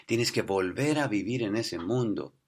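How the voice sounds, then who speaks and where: A man's voice: on the low side, animated, measured pace, slightly rough. Man giving a motivational talk. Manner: storytelling, addresses listeners as "muchachos", tag questions. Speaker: business motivational speaker.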